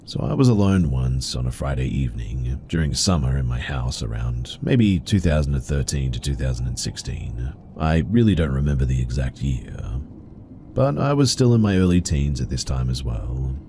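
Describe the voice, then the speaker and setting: A man narrating reader-submitted horror stories in a steady, even storytelling delivery. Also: rumbling low, moderate pace, slight background noise.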